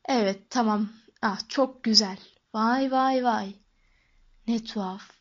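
A woman voicing an eccentric, intense old male wandmaker who speaks in a soft, lowered murmur, in an audiobook. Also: slow pace, lo-fi sound. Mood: hushed, musing.

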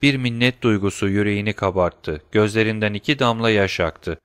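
A man narrating an audiobook in a calm, steady reading manner. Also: on the low side, brisk, clear, resonant tone, no echo, studio quality.

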